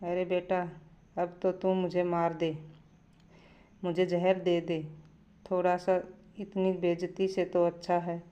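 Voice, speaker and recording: A bossy middle-aged mother-in-law in a family storybook tale, scolding and hurling accusations, played by a woman narrator. Her voice sits low with a flat, dark tone. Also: slow pace, pauses often, smooth, muffled recording. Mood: furious.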